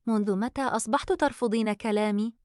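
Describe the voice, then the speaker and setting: A woman's voice: a little high, brisk, darkish tone, clear, resonant tone, dry recording, clean studio sound, natural voice. A woman voicing a cold, domineering older mother-in-law who talks in a curt, dismissive way.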